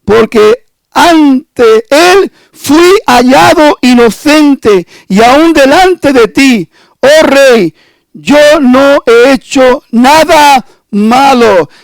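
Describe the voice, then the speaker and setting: A man's voice: extremely high pitch, expressive, extremely slow, gravelly, no echo, voice pushed up, heavily acted, poor audio. A male pastor voicing a faithful prophet who answers a king solemnly.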